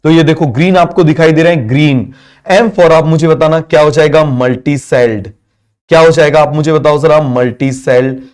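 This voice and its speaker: A man's voice: fairly high pitch, normal speed, a little mellow. A male teacher giving a biology class, asking constant questions, having students repeat answers, and mixing English terms into Hindi.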